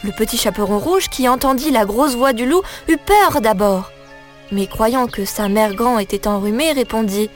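A woman with a fairly high voice reads a fairy tale aloud, measured and expressive. Soft music plays faintly beneath her narration. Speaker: storyteller.

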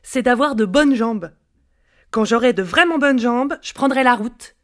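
A woman's voice: on the high side, measured pace, a bit bright. A woman voicing a stubborn, dreamy country girl who repeats her wandering refrain in a singsong way. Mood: determined.

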